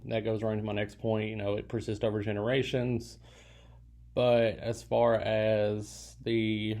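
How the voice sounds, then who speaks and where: Gravelly low-voiced man lecturing casually. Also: dark tone. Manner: casual, meandering, many fillers and restarts. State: yawning. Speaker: college lecturer. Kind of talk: recorded lecture.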